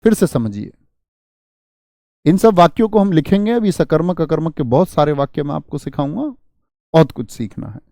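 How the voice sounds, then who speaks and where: A man's voice: fairly high pitch, expressive, moderate pace, pauses often, dark tone, dry recording, studio quality. A man teaching a Hindi grammar class, drilling students with rhetorical questions and calling them friends.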